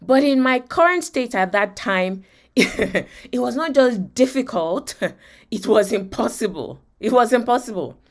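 With a rather high, animated voice at a measured pace, a Nigerian woman teaches on faith and shares personal testimony to motivate. She is emphatic, says phrases more than once, and keeps checking in with her audience.

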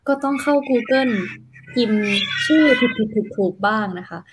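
A woman's voice: high voice, measured pace, heavy background noise. A woman interpreting in an interview, speaking politely and explaining things patiently.

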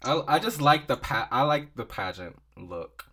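A man's voice: mid-range voice, lively intonation, normal speed, bright, forceful tone. A man co-hosting a casual chat, playful and teasing, often laughing. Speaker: co-host reviewing runway looks.

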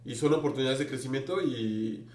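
Chilango guy hosting a podcast, mid-pitched, opinionated, echoey room. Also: a little fast, a crowd in the background. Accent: Mexico City. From Mexico City. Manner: opinionated, asks guest questions. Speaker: podcast host. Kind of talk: casual chat. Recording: roomy room echo.

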